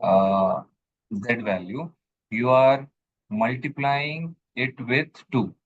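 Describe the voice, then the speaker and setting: A man's voice: medium pitch, takes it slowly, husky, narrow, tinny audio. Man teaching over a screen-share recording. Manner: explanatory, checks in with the student. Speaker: instructor. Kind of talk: statistics coding lesson.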